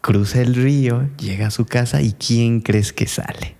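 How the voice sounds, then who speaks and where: A man's voice: mid-range voice, measured pace, vocal fry, darkish tone. A man, casually retelling a Bible story as a podcast co-host, with hesitant restarts. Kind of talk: casual chat.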